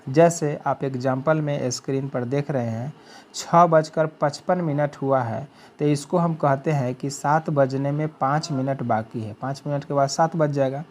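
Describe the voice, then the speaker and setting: Male tutor, slide voice-over; measured explainer, pauses to check understanding, drawls example phrases. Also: on the high side, darkish tone. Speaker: teacher. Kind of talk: spoken English lesson for Hindi speakers.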